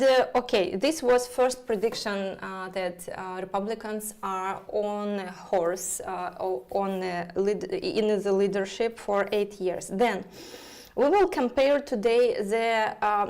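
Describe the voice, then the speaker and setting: A woman astrologer with a Russian accent addresses viewers of her live stream, speaking haltingly and filling gaps with many fillers. Her voice is medium in pitch and slightly mellow.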